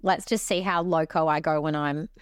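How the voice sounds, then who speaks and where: A woman's voice: sits low, fairly even intonation, moderate pace, clear, resonant tone, no room sound, studio quality. A woman co-hosting a podcast in casual chat, blunt and swearing offhandedly while giving advice. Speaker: podcast co-host.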